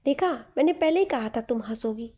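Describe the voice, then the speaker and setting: Storybook casting: a woman playing a shy, defensive young man, mellow tone. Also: fairly high pitch, lively intonation, brisk. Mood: sulky. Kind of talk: storybook narration.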